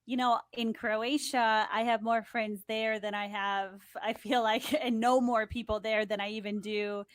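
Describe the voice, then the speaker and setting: A woman's voice: on the high side, fairly even intonation, measured pace, no room sound, studio quality. A young woman telling stories as the guest of an interview in an upbeat, chatty way. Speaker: guest, TV host and producer. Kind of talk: conversational interview.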